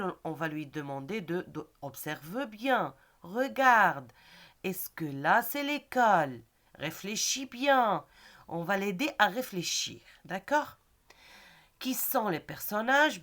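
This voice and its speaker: A woman's voice: mid-range voice, fairly bright tone. A middle-aged woman, teaching a lesson patiently and checking understanding after each point. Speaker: primary school teacher. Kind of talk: recorded lesson for teachers and pupils.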